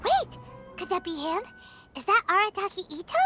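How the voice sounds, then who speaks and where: An actress voicing a tiny, excitable female companion creature in a game, talking high and bouncy over game music. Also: normal speed. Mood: chirpy. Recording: game audio with loud music behind.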